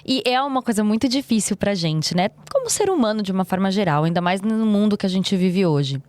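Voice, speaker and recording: A woman hosting a podcast interview, asking calm, reflective questions. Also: mid-range voice, a little fast, dry recording. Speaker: podcast host.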